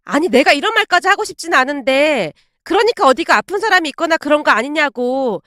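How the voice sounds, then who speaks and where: A woman's voice: sits high, very animated, fairly quick, fairly bright tone, dry recording. A woman voicing a sneering spiteful young woman. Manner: sneering, blunt. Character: spiteful young woman friend, mocking and harsh.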